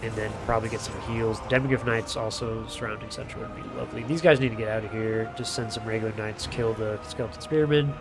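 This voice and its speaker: Sounding congested and nasal, this man talks quickly with few pauses, his lowish voice fairly even in intonation. He's casually narrating a strategy game for his stream, throwing in the occasional swear word over background music.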